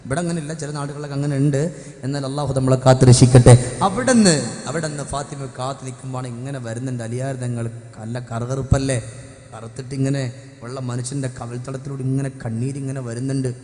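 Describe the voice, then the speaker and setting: A man preaching an emotional sermon, telling a story with passion and moving between hushed lines and loud, wailing cries. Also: medium pitch, fairly even intonation, fast talker. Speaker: Islamic preacher. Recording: echoey hall with music underneath.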